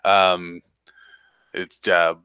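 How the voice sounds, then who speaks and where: A man playing a pompous, bumbling veteran police detective in a tabletop game, halting and overly courteous. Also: deep voice, flat delivery, sharp tone, smooth, no room sound, exaggerated voice. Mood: halting, officious.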